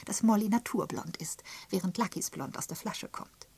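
A woman reading the part of a gossiping, sharp-tongued spinster in an audiobook, pointed and emphatic in tone. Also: mid-range voice, animated, moderate pace, vocal fry, breathy edge, no room sound, whispered, voice pushed up. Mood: gossipy. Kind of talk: audiobook character voice.

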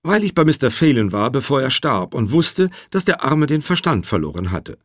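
A man's voice: mid-range voice, very animated, moderate pace, no room sound, studio quality, pitched above the performer's own voice. A man voicing a nervous male witness who answers hesitantly and evasively under questioning.

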